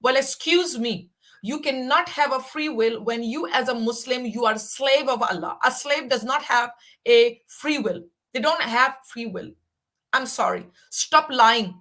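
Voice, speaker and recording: A woman in her forties, appearing as a guest on a livestream, speaks passionately in a slightly high, bright voice with a forceful tone. She's unhurried and emphatic, repeating herself for weight during the casual chat.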